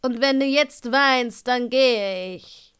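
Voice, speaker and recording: Woman doing a gruff, sardonic potions master. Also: fairly high pitch, takes it slowly, a bit bright. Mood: dry. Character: curt, sardonic middle-aged male potions master.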